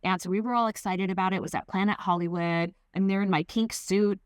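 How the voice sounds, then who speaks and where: A middle-aged woman, a guest correspondent, telling animated anecdotes in an interview and acting out quotes. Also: medium pitch, fast talker, clear, resonant tone, dry recording, clean studio sound. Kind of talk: storytelling interview chat.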